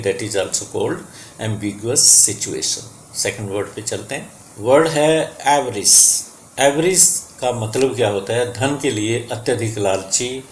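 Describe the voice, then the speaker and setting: A man's voice: medium pitch, roomy sound, slight background noise. A man with an Indian English accent teaching English vocabulary, switching between Hindi and English and drilling pronunciation carefully. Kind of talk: vocabulary lesson.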